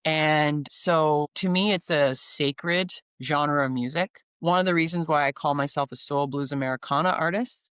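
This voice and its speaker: A woman's voice: low voice, normal speed, few pauses, fairly bright tone, clean tone, no echo. Woman, 40s, from Canada, singer-songwriter guest, upbeat, enthusiastic, filler-heavy chat, dry close sound. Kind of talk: casual interview chat.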